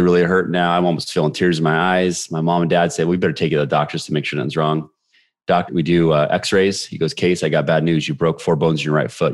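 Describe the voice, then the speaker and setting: Speaking quickly and with lots of energy, this podcast guest recounts personal stories and performs the quoted lines of dialogue. He's a man in his 40s with a very deep, low voice.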